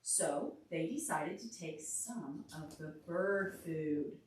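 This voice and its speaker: A woman with a low voice reads aloud to young children as a storytime librarian, stopping now and then to ask them questions. She is in an indoor library storytime room, recorded on a distant room microphone, so the sound is echoey with faint background noise.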